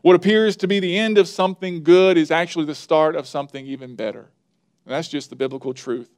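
This is a male pastor delivering a sermon in a plain, earnest, conversational way. His voice sits slightly higher than most men's. He leans into key phrases with rising emphasis. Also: quick pace, darkish tone.

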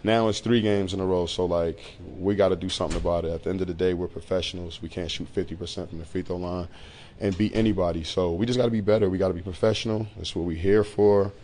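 A man's voice: sits low, fairly even intonation, fast, a little mellow, slight background noise. A man, a head basketball coach, giving blunt, matter-of-fact answers in a postgame interview.

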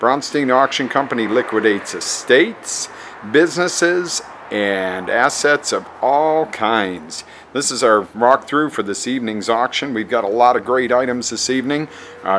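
A man hosting a promotional walkthrough of an auction showroom, making an upbeat sales pitch and repeating times and addresses, recorded on a handheld camera mic while he walks around. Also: a bit bright, a little hiss or hum. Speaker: auction house host.

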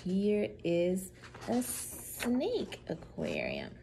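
A woman who is a preschool teacher, reading a picture book to young children in a gentle storytime voice. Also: medium pitch, wildly swooping pitch, background noise. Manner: gentle, slow, sing-song storytime delivery.

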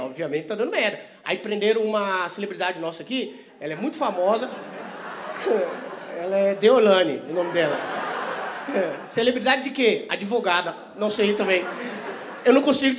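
A male stand-up comedian works the crowd, teasing and swearing, swinging from quiet asides to loud laughing bursts. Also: high-pitched, a little hiss or hum. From Vitória, Brazil. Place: comedy stage before a live audience.

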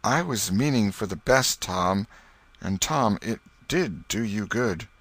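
Man playing an old aunt, rustic American accent, exasperated, soft-hearted, animated pitch, audiobook character. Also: takes it slowly, dry recording, heavily acted. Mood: gentle. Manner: exasperated, folksy.

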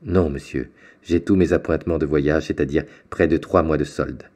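A man voicing an earnest, respectful young sailor in an audiobook, speaking a little higher than his own narration. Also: fairly even intonation, normal speed, warm tone.

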